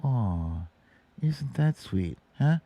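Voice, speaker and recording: As a livestream host, a man gives casual political commentary in an unhurried, mellow voice whose pitch swings widely. He sounds sarcastic and indignant and swears freely, and the recording is dry and close.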